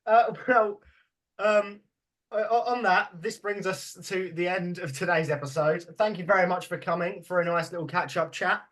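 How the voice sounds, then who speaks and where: A man hosting a casual podcast chat. His voice sits high for a man, and he rambles, swears and laughs easily as he talks. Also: steady tone, moderate pace, a bit bright. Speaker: podcast host.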